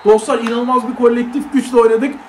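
High-voiced excitable young gaming man. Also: quick pace, echoey room, a little hiss or hum. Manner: excitable, shouts at big plays, chats to viewers. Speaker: mobile football gamer. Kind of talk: live gameplay commentary.

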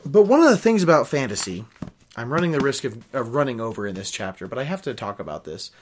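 A fast-talking young adult man with a medium-pitched, sing-song voice hosts a reading show. In his small home office he reads a novel aloud and repeatedly stops for opinionated, nitpicking commentary.

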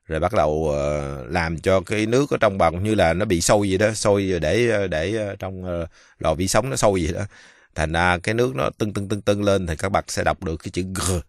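A man from Vietnam giving a casual pronunciation lesson, speaking slowly and haltingly with many fillers and drawing out the example words. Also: low voice, no echo, clean studio sound. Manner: slow, halting, many fillers, repeats French words drawn out. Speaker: French teacher.

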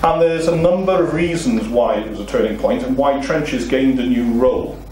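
With a mid-range, slightly mellow voice at a moderate pace, a Welsh-accented, middle-aged man from Wales delivers an illustrated seminar lecture to people seated in a meeting room. He explains steadily and uses rhetorical questions. The room is very echoey, the unseen mic is distant, and there's a little hiss or hum.

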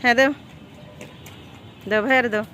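A woman with a high, light voice speaks in a casual, coaxing way, full of questions and gentle instructions. She records outdoors by the water on a handheld phone. A faint outdoor hum sits behind her. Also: fairly even intonation, moderate pace. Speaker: vlogger. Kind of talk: casual vlog talk with a child.

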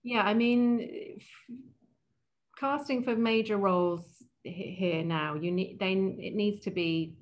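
A woman with a medium-pitched voice talks slowly as a guest on a casual video call interview. She works as an opera casting director and speaks thoughtfully, often beginning her sentences again.

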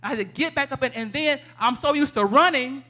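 A woman, preaching a lively, laughing testimony in a church. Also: high voice, brisk. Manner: animated, laughing storyteller, conversational. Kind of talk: testimony sermon. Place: church sanctuary.

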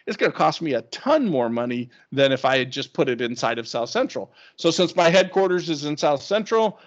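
A man presenting a screen-share tech webinar, explaining in an enthusiastic, conversational way. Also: a little high. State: hiccups. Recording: dull lo-fi webinar audio.

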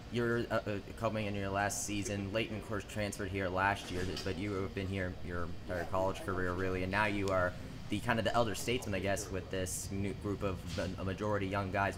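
A man, a student sports reporter, asking interview questions in a halting way and restarting his sentences. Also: sits low, flat delivery.

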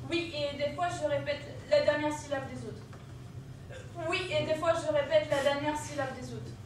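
A woman's voice: high voice, fairly even intonation, moderate pace, close to an everyday voice. An actress playing a timid woman who says every sentence twice, on an amateur stage in an echoey hall. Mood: plaintive. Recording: echoey hall from far off, noisy.

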